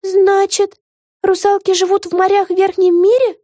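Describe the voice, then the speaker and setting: A woman's voice: extremely high pitch, flat delivery, moderate pace, dark tone, no room sound, studio quality, pitched above the performer's own voice. A woman reading an audiobook, voicing Vega, a wide-eyed young girl witch who sounds breathless and amazed.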